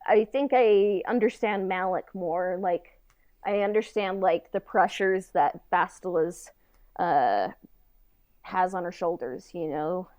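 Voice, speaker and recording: A woman co-hosts a podcast in casual chat, speaking very informally and dropping "like" into her talk again and again. Her voice is on the low side, a little mellow, and slow in pace.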